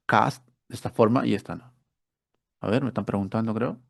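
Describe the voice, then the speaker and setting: A man's voice: on the low side, fairly quick, gravelly. A man teaching an online spelling workshop, explaining step by step with rhetorical questions and repeated words.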